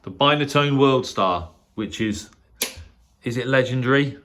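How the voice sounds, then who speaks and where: This is a middle-aged English shortwave enthusiast who runs a channel, his mid-range voice a little slow and a bit bright. He rambles hesitantly through an informal, unscripted tour of the small indoor radio shack in his spare bedroom. Noise is clearly audible in the home recording.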